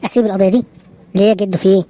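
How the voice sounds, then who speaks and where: A woman's voice: medium pitch, steady tone, very fast, dark tone, natural voice. A woman voicing a headstrong young male detective in an Egyptian cartoon, speaking with an Egyptian Arabic accent and a boastful, reassuring manner. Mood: determined. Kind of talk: Egyptian cartoon dub acting.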